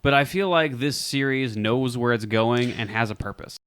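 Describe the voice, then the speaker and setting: A man's voice: medium pitch, moderate pace, a bit bright, clear, resonant tone, no room sound. A man co-hosting a casual podcast chat, giving strong, emphatic opinions. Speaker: podcast co-host.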